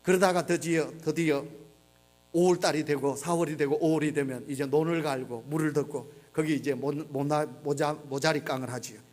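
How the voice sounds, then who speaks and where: A middle-aged man delivers a Sunday sermon with a fairly high voice. He drops into quiet, reflective stretches, then rises into loud, emotional storytelling. It sounds like preaching to a congregation in a church sanctuary. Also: fairly even intonation, moderate pace. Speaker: pastor.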